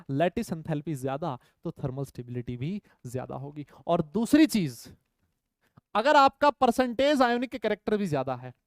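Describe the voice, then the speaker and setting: A man's voice: a little high, no room sound, clean studio sound. A man teaching a chemistry lecture, emphatic, repeating key points and checking in with his students. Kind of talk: online lecture.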